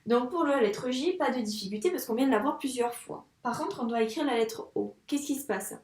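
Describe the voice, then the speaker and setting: A woman's voice: high-pitched, lively intonation, darkish tone. Woman teacher guiding a child. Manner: patient, encouraging, talks straight to the child; says sounds slowly while writing. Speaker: primary school teacher. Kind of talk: handwriting lesson for young children. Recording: echoey room, mic at a distance.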